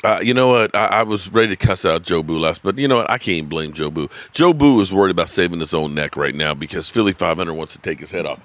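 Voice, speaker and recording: Speaking quickly with few pauses, a man in his fifties hosts a live sports stream, reading viewers' comments from his desk while he rambles, swears, and laughs. His voice is low-pitched and a bit bright, with no echo, and he hosts for a sports channel.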